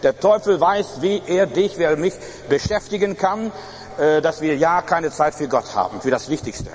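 A man's voice: on the high side, lively intonation, normal speed, slight background noise. A male pastor preaching a sermon emphatically, with frequent fillers and restarts. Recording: reverberant hall, faint ambience.

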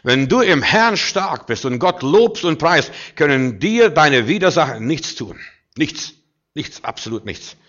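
A male preacher with a mid-range voice delivers a sermon in a very animated melody. He moves from forceful declarations to hushed, low remarks. The sound is muffled and lo-fi. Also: a little slow. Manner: emphatic, swings between loud declarations and quiet low asides. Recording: dull lo-fi recording.

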